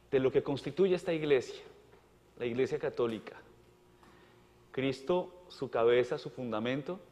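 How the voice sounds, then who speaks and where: A male priest preaching a homily at Mass, emphatic and full of rhetorical questions, often repeating words. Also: mid-range voice. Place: parish church. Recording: church with long reverb.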